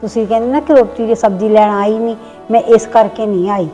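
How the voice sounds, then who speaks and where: A chatty, confiding neighbor woman, played by a woman with a somewhat high voice. She passes on gossip in a family skit. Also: fairly even intonation, fast, mellow, faint music behind, natural voice. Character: gossiping neighbor woman who visits and stirs up trouble.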